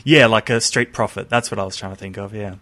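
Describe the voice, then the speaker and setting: A man with a fairly low voice talking casually about films. He wanders through side remarks and keeps correcting himself mid-sentence as he goes. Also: quick pace, a bit bright. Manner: rambling, full of asides and self-corrections.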